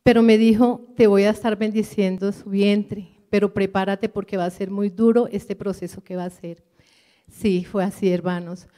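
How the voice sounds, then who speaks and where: A woman's voice: medium pitch, fairly even intonation, normal speed, dark tone. A woman giving an earnest personal testimony to her church congregation, addressing them as brothers and sisters.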